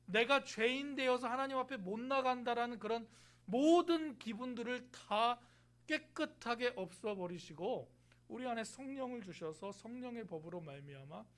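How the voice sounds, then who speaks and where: A man's voice: very high voice, fairly bright tone. A male pastor delivering a conversational sermon, asking the congregation rhetorical questions and acting out quoted lines. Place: church sanctuary.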